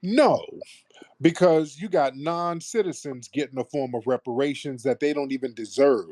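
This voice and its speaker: A man's voice: medium pitch, moderate pace, a little mellow, no room sound, studio quality. An American man hosting a casual call-in debate, assertive and probing as he talks. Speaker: host of a live call-in talk show.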